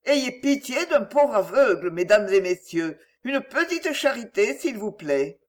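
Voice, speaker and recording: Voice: medium pitch, sing-song, measured pace. An audiobook reader voicing a poor blind beggar begging for charity. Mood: pleading.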